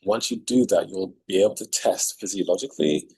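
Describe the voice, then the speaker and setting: Outdoors and to camera, a leadership coach delivers an emphatic motivational monologue, repeating key phrases for effect. His low voice is warm and husky, he speaks a little fast, and the recording is rough.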